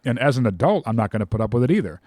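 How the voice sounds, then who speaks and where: A man's voice: mid-range voice, big pitch swings, very fast, darkish tone, no echo, studio quality. A middle-aged man from the United States, a guest musician in a casual interview, speaking candidly and self-deprecatingly, often repeating words and trailing off. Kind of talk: casual conversation.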